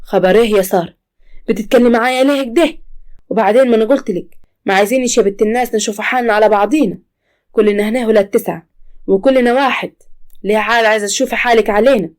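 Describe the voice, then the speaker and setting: Domineering woman boss, voiced by a storyteller, scolding, loud, fast. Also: a little high, lightly acted. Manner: scolding, bossy.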